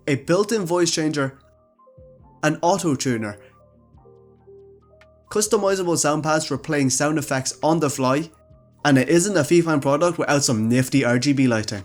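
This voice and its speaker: A young man with an upbeat, casual manner, giving a scripted tech product review with gamer slang. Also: on the high side. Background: faint background music.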